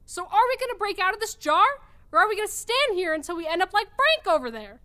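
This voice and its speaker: Bright high-pitched feisty young ladybug. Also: very animated, fast talker, exaggerated voice. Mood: rousing, determined. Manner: dramatic, urgent, forceful. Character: determined young female ladybug, feisty city bug. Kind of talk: audio drama acting for children.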